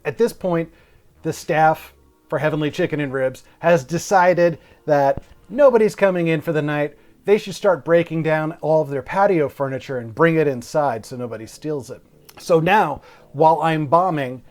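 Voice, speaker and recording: Stand-up guy telling a story, kinda high voice, self-deprecating and sweary. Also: darkish tone. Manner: wry, self-deprecating, profane. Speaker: stand-up comedian. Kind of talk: comic storytelling monologue.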